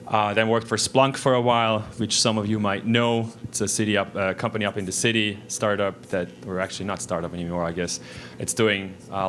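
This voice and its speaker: A man's voice: lowish voice, fairly bright tone, slight background noise. A man, giving a technical presentation in a casual way, with frequent restarts and fillers. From Switzerland. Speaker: conference speaker. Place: lecture room.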